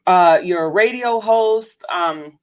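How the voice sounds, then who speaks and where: A woman podcast host with a lowish voice speaks slowly while chatting casually with a guest. The interview feels upbeat and chatty, and she laughs easily.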